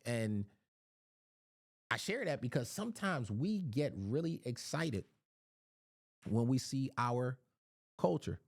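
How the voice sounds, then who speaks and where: A man's voice: mid-range voice, sing-song, takes it slowly, long pauses, no echo, studio quality. A man from Philadelphia giving a casual Bible teaching, often repeating words as he searches for his phrasing.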